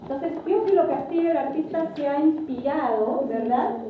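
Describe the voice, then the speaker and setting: A woman's voice: high-pitched, normal speed. A woman giving a guided tour explanation in a didactic way, often putting questions to her group. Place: large echoey indoor room. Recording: lo-fi, noisy, very echoey, distant mic.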